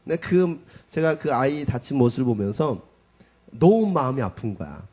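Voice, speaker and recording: A man's voice: medium pitch, normal speed. A middle-aged man, a pastor, telling a personal story in a sermon and acting out the voices and cries of the people in it. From South Korea. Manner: animated storyteller, acts out cries and quotes.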